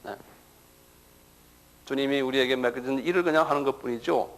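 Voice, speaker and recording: A man's voice: mid-range voice, fairly quick, low-quality recording. A middle-aged male pastor giving a sermon-style lecture, who keeps checking with the audience and repeats words as he starts a thought.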